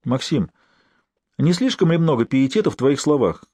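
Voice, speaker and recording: A man's voice: medium pitch, sing-song, moderate pace, dark tone, husky, no room sound, studio quality, voice pushed up. A male narrator voicing a sardonic young ruler who grumbles and mocks his friend, in an audiobook. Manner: sarcastic, grumbling.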